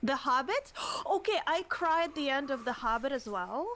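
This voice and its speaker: Woman streamer, casual chat, giggly and gushing, high voice, swooping pitch. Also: animated, moderate pace, a bit bright. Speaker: streamer, co-host.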